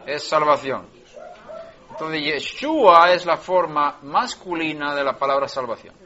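A man teaching scripture verse by verse, restarting words mid-phrase and rising in pitch and loudness when he stresses a verse. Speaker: Bible teacher. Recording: lo-fi dull recording.

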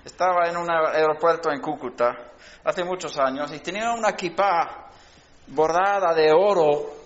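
A man's voice: on the high side, moderate pace. A man preaching a sermon, explaining word origins in a teaching manner with frequent restarts and rising to fervent exhortation. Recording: roomy, dull lo-fi sermon recording.

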